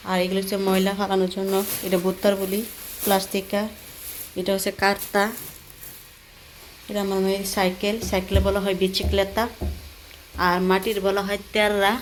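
Flat-voiced Bangladeshi woman, hoarse from a cold. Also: mid-range voice, normal speed, long pauses, a little hiss or hum. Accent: Bangladeshi Bengali. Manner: chatty, explains things step by step. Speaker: vlogger. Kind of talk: casual cooking vlog. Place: home kitchen.

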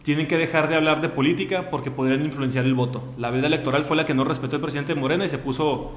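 A man's voice: fairly high pitch, steady tone, very fast, echoey room. A man with a Mexican accent hosting a live online show, ranting indignantly in casual slangy speech. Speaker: online radio show host. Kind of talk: casual live-stream commentary.

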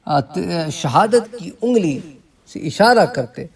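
Man, religious teacher, explanatory lecture, somewhat high voice, slightly distant mic. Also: expressive, slow, gravelly, darkish tone, breathy edge. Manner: explanatory, recounting traditions and adding asides to listeners.

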